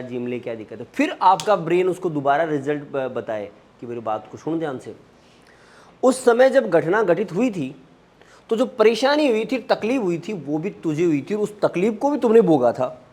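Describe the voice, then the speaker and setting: A man teaching a wellness class, talking straight to his listeners with questions and acting out little inner dialogues. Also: on the high side. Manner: acts out inner dialogues in quoted voices; addresses listeners directly with questions. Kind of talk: spoken lecture to a class.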